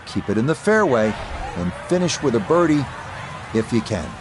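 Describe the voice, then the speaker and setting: A man doing golf commentary as lead announcer, with a measured sportscaster delivery. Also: medium pitch, very animated, background noise, close to an everyday voice.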